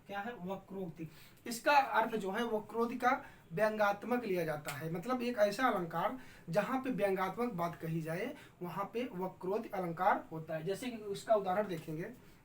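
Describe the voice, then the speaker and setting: A woman's voice: medium pitch, normal speed, a little hiss or hum. A woman teacher giving a patient, explanatory grammar lesson and often checking in with her students. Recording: distant mic with faint room ambience.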